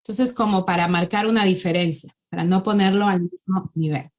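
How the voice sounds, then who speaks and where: A woman teaching a conversational language lesson, explaining step by step and slowing down to sound out words. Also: mid-range voice, fairly even intonation. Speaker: Hebrew teacher.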